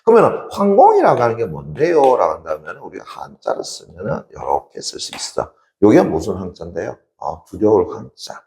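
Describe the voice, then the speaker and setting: Man, lecture teacher, very animated pitch, gravelly low voice, rhetorical questions, echoey classroom. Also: fairly quick, hardly any pauses, slight background noise. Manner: asks many rhetorical questions and answers them himself. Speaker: Korean literature teacher.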